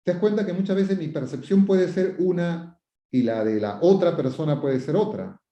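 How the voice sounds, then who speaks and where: Animated and mellow, on the high side and at a moderate pace, this man is a psychotherapist answering viewer questions. His advice relies on repetition and rhetorical questions, and he quotes the askers and demonstrates phrases aloud. It's recorded with dull, roomy lo-fi sound.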